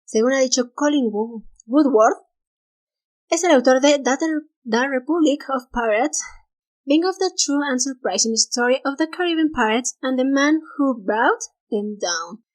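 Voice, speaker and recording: With a high, animated voice and an unhurried pace, a Mexican Spanish-accented woman co-hosts a casual history podcast, and the audio is poor. She reads her notes aloud, stumbles on English titles, and laughs easily.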